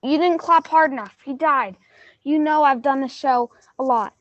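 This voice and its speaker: Woman acting mock-indignant narrator, accusing, deadpan, highish voice, comic stage play, muffled sound. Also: moderate pace, dry recording. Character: mock-indignant show narrator guilt-tripping the audience.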